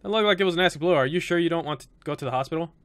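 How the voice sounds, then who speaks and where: A kindly neighbor woman from a horror game, polite but firm that you stay the night, as a man reads her lines in his own bright voice. She sounds a little high and clear, right up close on a dry mic. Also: racing, no room sound, natural voice. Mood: concerned. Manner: polite and insistent.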